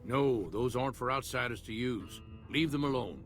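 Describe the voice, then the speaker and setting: A man's voice: mid-range voice, normal speed, fairly bright tone, soft background music, close to an everyday voice. Grumpy old man from a video game played by an actor. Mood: irritated. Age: older. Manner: grumpy, sarcastic, folksy. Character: gruff old man, grumbling settlement mechanic. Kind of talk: video game character dialogue.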